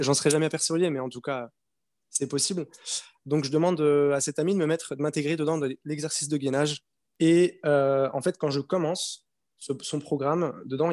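A man's voice: a little high, a little mellow. A man in his twenties, an interview guest, telling his story in a casual, hesitant way with many fillers and restarts. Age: 20s.

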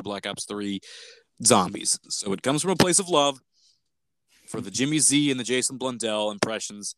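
A man's voice: mid-range voice, a bit bright, no room sound. A man co-hosting a podcast, riffing playfully on jokes in casual banter. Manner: jokey, playful, riffing on gags. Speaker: podcast co-host.

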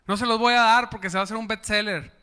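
High, bright-voiced man preaching. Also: steady tone, fast, clean tone, long reverb tail. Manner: preaching with call-and-response to the congregation. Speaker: pastor. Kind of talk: sermon.

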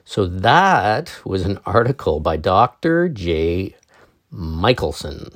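A man hosting a meditation talk show, reading an article aloud in a calm, measured way, then adding his own gently wry remarks. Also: deep voice, no echo, clean studio sound. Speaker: meditation podcast host.

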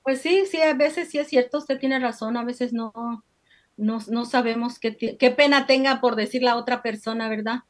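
High-voiced chatty mother telling stories. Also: fairly even intonation, normal speed. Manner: chatty storyteller, many fillers, laughs often. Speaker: guest entrepreneur. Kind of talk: casual conversation over a call.

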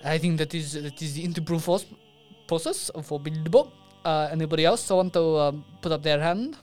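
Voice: mid-range voice, normal speed, darkish tone, faint music behind, lightly acted. Someone playing a mock-solemn archbishop interviewer. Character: archbishop interviewing papal candidates. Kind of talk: improvised comedy role-play.

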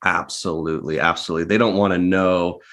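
A man's voice: low-pitched, steady tone, quick pace, a bit bright. A man as a guest in a casual interview, explaining his points conversationally and often ending them with "right?".

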